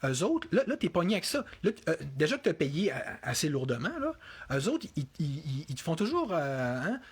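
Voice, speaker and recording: Husky Quebec man hosting an interview. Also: a little high, sing-song, a little fast. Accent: Quebec French. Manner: rambling, many restarts and fillers. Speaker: interview host. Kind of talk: casual interview.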